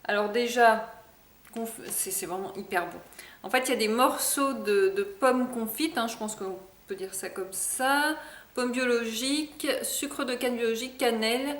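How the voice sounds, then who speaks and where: A woman's voice: a little high, unhurried, roomy sound. A woman chatting casually in a product review vlog, hesitant with many fillers. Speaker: vlogger.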